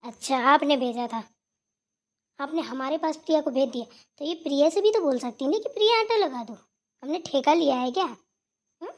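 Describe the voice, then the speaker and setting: A sharp-tongued, lazy sister-in-law from a cartoon family squabble, as a woman voices her. Her voice sits high and her delivery is blunt and scolding. She tags her lines with a challenging "right?". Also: expressive, moderate pace. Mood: sarcastic. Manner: blunt, scolding, repeats "theek hai na". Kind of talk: cartoon voice acting.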